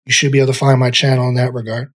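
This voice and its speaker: A man's voice: mid-range voice, little pitch movement, rapid-fire. A man in his forties, a podcast guest, guiding listeners through a meditation exercise in a rambling, repetitive way as he searches for words.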